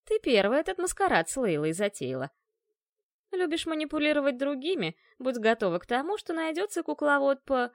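A sarcastic, drawling cat-girl, put on by a woman narrator for a storybook reading. Her voice swings widely in pitch and sits close and dry on the mic. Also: sing-song, fairly quick, no room sound. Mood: insistent. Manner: drawling, mocking. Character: sly sarcastic cat-girl guard, mocking, teasing.

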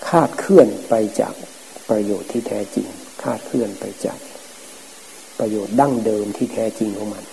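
A middle-aged man, a Buddhist forest monk, giving a calm, plain-spoken dharma talk. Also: lowish voice, gravelly. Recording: hissy, noisy old recording.

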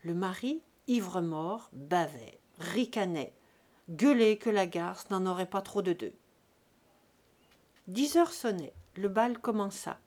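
Brief: female audiobook narrator, measured and expressive literary reading. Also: medium pitch. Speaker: audiobook reader. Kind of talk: scripted narration of a classic novel.

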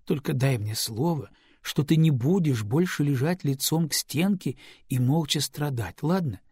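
Мужчина в роли заботливой испуганной матери, мягкий тон, сухая запись, аудиокнига. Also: male voice, fairly high pitch, animated, measured pace, a little mellow, husky, no room sound, studio quality, full character voice. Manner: pleading, tender. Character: worried young mother, gentle and anxious.

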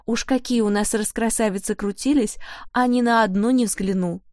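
A woman's voice: a little high, steady tone, moderate pace, a little mellow, no room sound, lightly acted. A woman narrator voicing a chatty, gossiping old female servant in a dry studio sound.

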